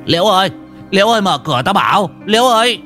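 A man playing a bad-tempered older village official who shouts and blusters threats. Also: sits high, expressive, fast, faint music behind, voice pushed up. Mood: panicked.

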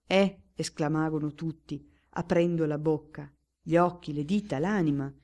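Woman, audiobook narrator, measured, clear, low voice, mellow tone. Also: steady tone. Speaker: audiobook reader.

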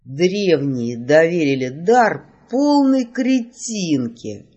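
A teasing young wizard from a fantasy audiobook, calm and mocking, speaking slow and a little low, as a woman reader puts him on. His tone still swings up and down lively. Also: husky, muffled recording, full character voice.

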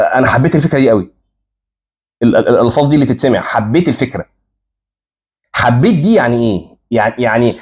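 A man's voice: medium pitch, darkish tone, husky. A man with an Egyptian Arabic accent giving an informal lecture to a group, speaking to the audience directly and acting out what other people say. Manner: conversational, addresses audience directly, acts out quoted speakers. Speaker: religious lecturer.

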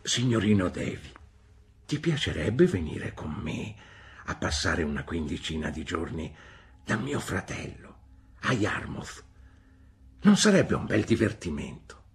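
A woman voicing an eager, homely nursemaid who coaxes and exclaims, in a husky voice, in an audiobook reading. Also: sits low, huge pitch swings, moderate pace, a little hiss or hum, voice pushed up. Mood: coaxing. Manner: coaxing and exclamatory. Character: eager, coaxing female nursemaid, hearty and homely. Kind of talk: audiobook character voice.

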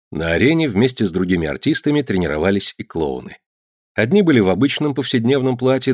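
A man reading a novel aloud as narrator, in a measured storytelling way. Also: lowish voice, darkish tone, no room sound, studio quality. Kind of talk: audiobook reading.

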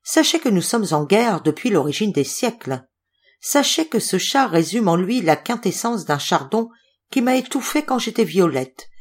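A woman's voice: medium pitch, voice pushed up. A woman reading aloud voices an eccentric older male doctor who talks in a theatrical, declaiming way. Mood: vehement. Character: eccentric old male doctor, cryptic and intense.

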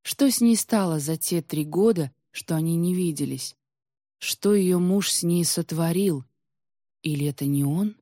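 A woman giving a measured, dramatic storybook narration. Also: fairly low pitch, dark tone, no room sound, clean studio sound. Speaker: audiobook narrator.

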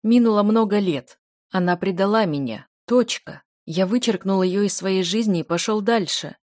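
A woman voicing a calm, possessive man who speaks in a level, unruffled way. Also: mid-range voice, normal speed, no echo, studio quality, natural voice. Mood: firm. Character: calm possessive adult man, firm lover.

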